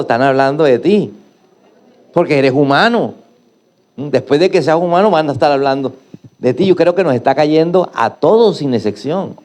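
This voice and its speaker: A man's voice: on the high side, a little mellow. A middle-aged male pastor preaching a sermon, emphatic and prompting the congregation to repeat after him.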